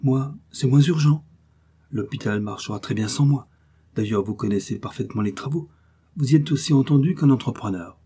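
A playful young noblewoman in an audiobook, coaxing and gently mocking, her voice lifted higher and brighter than the reader's own, as a male narrator puts her on. The tone stays slightly husky with a soft, dark edge. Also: fairly quick, natural voice. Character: lively young woman, teasing and affectionate.

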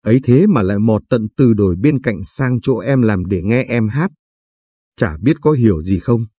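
Talkative woman orange picker read by a man, low dark voice, husky, dry close sound. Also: lively intonation, normal speed, dry recording. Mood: chatty. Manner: gossipy, talkative. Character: chatty middle-aged woman orange picker.

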